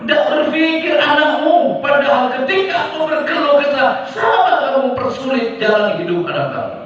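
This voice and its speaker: A man's voice: very high-pitched, moderate pace, a bit bright. A male preacher delivering a sermon to a congregation, asking again and again whether they agree. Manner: rhetorical call-and-response, asking the crowd to agree. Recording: echoey hall, distant mic, dull sound.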